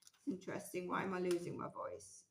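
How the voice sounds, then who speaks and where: With a lowish voice, vocal fry and a completely flat delivery, this woman talks fairly quickly through a casual tarot reading, full of ums and restarts. She's losing her voice and sounds a little strained, with slight background noise. An overhead camera shows only her hands at an indoor table with candle and cards, and the room echoes.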